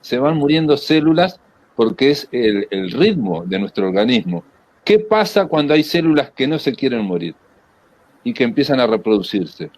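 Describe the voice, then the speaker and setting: A man with a Rioplatense Spanish accent and a mid-pitched voice hosts a literary talk. He speaks conversationally and discursively, feeling his way through each thought and rephrasing as he goes. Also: very animated, darkish tone. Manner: halting, discursive, rephrases often. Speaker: interviewer and event moderator.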